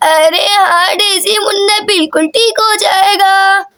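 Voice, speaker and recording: Woman putting on a slow sing-song grandma. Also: very high-pitched, fairly even intonation, sharp tone, no room sound, studio quality, exaggerated voice. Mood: fond, soothing. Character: slow-talking elderly grandmother.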